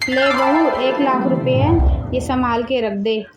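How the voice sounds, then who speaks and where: Woman doing a bossy mother-in-law, cartoon drama, high voice, firm and commanding. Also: slow, loud music behind the voice. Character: bossy middle-aged mother-in-law, head of household.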